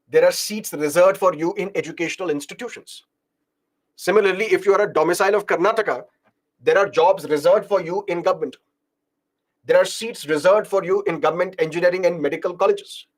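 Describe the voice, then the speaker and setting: High-voiced man teaching a lecture. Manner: explains by repeating examples, asks the class questions. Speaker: polity teacher. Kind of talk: exam-prep lecture.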